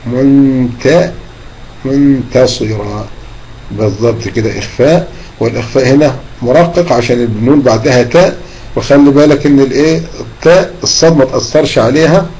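Egyptian man, tajweed teacher, mellow tone, slow drawn-out recitation examples, faint hiss. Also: mid-range voice, rough recording. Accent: Egyptian Arabic. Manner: patient, drawn-out demonstration of recitation. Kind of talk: online tajweed lesson.

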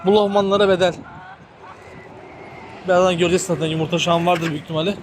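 A man's voice: sits high, steady tone, fast talker, noisy background. A man chatting casually to his viewers while tending his hens and chicks, often talking to the birds themselves. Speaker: poultry hobby vlogger. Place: outdoor chicken coop. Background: chickens and rooster clucking.

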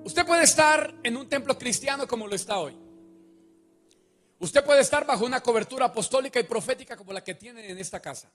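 This preacher's voice is very high, fairly quick and a bit bright, with soft music playing behind him. He delivers an emphatic sermon from a big church stage through a handheld mic, often asking the congregation questions, in a reverberant hall.

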